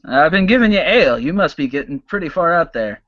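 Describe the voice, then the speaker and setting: A game master narrating a casual tabletop game, lively and halting, with many restarts. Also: mid-range voice, muffled recording.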